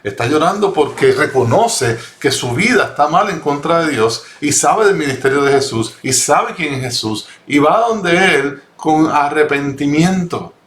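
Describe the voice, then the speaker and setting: A man's voice: on the high side, expressive, normal speed, hardly any pauses, fairly bright tone. A man teaching a Bible study, reading scripture and explaining it earnestly, often repeating and rephrasing his words. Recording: roomy echo.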